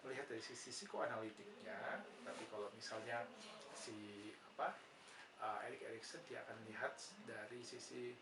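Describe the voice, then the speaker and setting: At a moderate pace and with a voice on the low side, an Indonesian-accented nursing lecturer explains psychology topics. Patient in tone, he keeps saying "ya" and resolves the questions he poses himself. The recording has a distant mic, room echo, and a noisy background.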